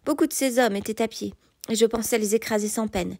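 Woman reading an audiobook, calm hushed voice, kinda high, dead dry close mic. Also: no echo. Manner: measured, softly hushed reading. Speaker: audiobook narrator. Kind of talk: scripted audiobook narration.

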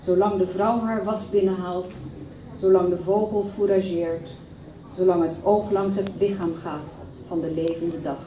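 Woman, mellow voice, solemn poetry recitation, recorded from afar in a reverberant hall with faint background hum. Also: fairly low pitch, steady tone, a little slow. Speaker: poetry reader. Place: event hall. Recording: echoey hall from far off.

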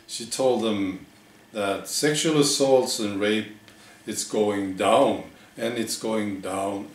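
A man in his forties presenting a parody news monologue in a deadpan, halting, mock-earnest way. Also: lowish voice. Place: living room with bare walls, indoors. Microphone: camera a few metres away. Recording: echoey room, distant microphone.

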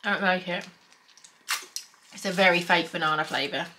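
A woman's voice: lowish voice, normal speed, sharp tone. A woman tasting snacks in a casual chat, blunt and candid, talking with her mouth full of chocolate. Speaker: snack taster. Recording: noisy home recording with crinkling wrappers.

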